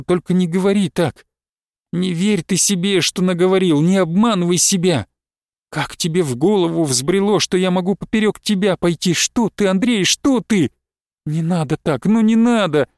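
A man reading aloud and voicing a frightened young wife who pleads with her husband, her lines pitched up and close to tears. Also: moderate pace, a little mellow, no echo. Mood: imploring. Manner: pleading, rising, near tears.

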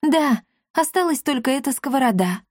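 Brief: kind shy girl, quiet wondering questions, a woman voicing her, dry close sound. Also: high-pitched, animated, moderate pace, dry recording, pitched above the performer's own voice. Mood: timid. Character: young girl, timid and kind.

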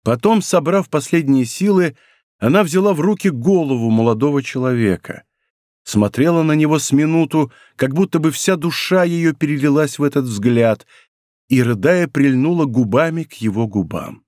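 A male audiobook narrator with a fairly high voice that rises and falls vividly as he tells the story. His reading is theatrical and expressive. The sound is close and dry, with no room in it. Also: normal speed, no room sound.

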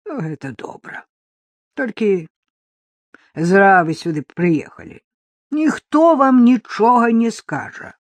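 A woman's voice: medium pitch, big pitch swings, takes it slowly, long pauses, no room sound, pitched above the performer's own voice. A woman voicing a terse, wary old village woman who speaks in a rural Belarusian-tinged dialect, for an audiobook. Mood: gruff, wary.

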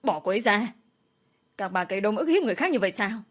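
A woman's voice: mid-range voice, animated, quick pace, voice pushed up, close to an everyday voice. A woman voicing an angry young husband defending his wife in a storybook reading. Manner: forceful, indignant.

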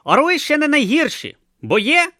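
A man voicing a grumpy, sarcastic god stuck in a male tortoise's body, snapping loudly in an audiobook. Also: extremely high pitch, big pitch swings, normal speed, no room sound, clean studio sound, pitched above the performer's own voice, full character voice. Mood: grumbling. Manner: snappish, loud, exasperated. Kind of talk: audiobook character voice.

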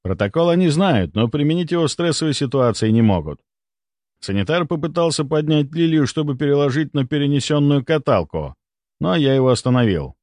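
A man's voice: a little high, big pitch swings, fairly quick, darkish tone, no room sound. A man narrating a first-person audiobook in a dry, sardonic manner.

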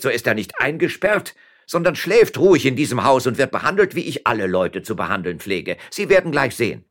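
A man voicing a pompous, blustering mayor who mocks and boasts loudly. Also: medium pitch, pitched above the performer's own voice. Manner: boastful, mocking, loud bluster. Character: pompous blustering middle-aged male mayor.

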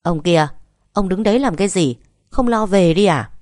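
A woman voicing a hot-tempered older mother-in-law who shouts and curses at her relatives. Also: fairly low pitch, lively intonation, normal speed, no room sound, studio quality, lightly acted. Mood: furious scolding. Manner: shouting, cursing, bossy.

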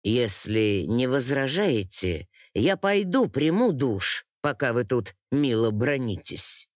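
A woman voicing a weary young nobleman who speaks in a low, quiet, restrained way. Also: big pitch swings, slow, dry recording, studio quality, exaggerated voice. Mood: dry teasing.

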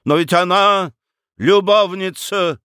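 A man voicing an excitable, pompous middle-aged male lawyer who declaims with pathos. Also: extremely high pitch, slow pace, smooth, dry recording, studio quality, voice pushed up, exaggerated voice.

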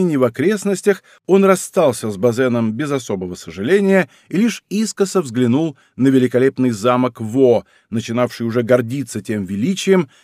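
A man narrating a historical adventure novel as an audiobook, with expressive storytelling. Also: mid-range voice, no room sound, clean studio sound. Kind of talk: scripted narration.

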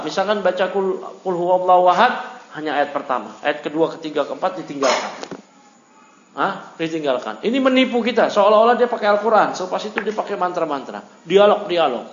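Male Indonesian religious teacher, slightly high voice, chatty lecturing style, muffled echoey recording. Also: fairly quick, slight background noise. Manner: lively, conversational preaching with rhetorical questions. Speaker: Islamic teacher.

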